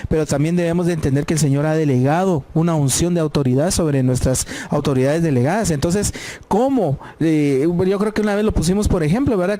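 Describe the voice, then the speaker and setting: Mellow Guatemalan man at Bible study. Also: a little high, no echo. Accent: Guatemalan Spanish. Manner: measured, often tags "¿verdad?". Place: church.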